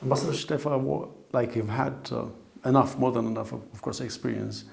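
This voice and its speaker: A man interviewing an ambassador, asking halting questions that he often restarts. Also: mid-range voice, gravelly, darkish tone.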